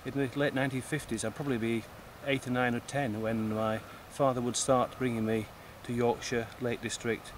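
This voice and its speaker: A man's voice: mid-range voice, little pitch movement, moderate pace, few pauses, slight background noise. A man, thoughtfully explaining things in a precise way. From East Lancashire, England. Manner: thoughtful, precise, restarts words mid-phrase. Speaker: guest. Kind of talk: conversational interview.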